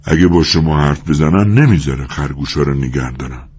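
A man reading a story aloud, voicing a big, simple-minded man who talks slowly and plaintively, like a frightened child. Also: a bass voice, animated, a little mellow, breathy edge, dull audio, heavily acted. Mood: wary.

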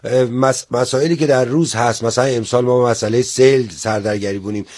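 A man in a studio interview who speaks in a polite, formal way. His pitch sits in the middle of the male range, and he tends to break off and restart his sentences. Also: steady tone, darkish tone. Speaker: guest, theater organizer.

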